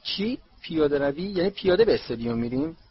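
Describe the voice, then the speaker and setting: A man's voice: fairly high pitch, lively intonation, breathy edge. A man voicing a curious teenage boy asking eager questions in a storybook reading. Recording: dull lo-fi recording.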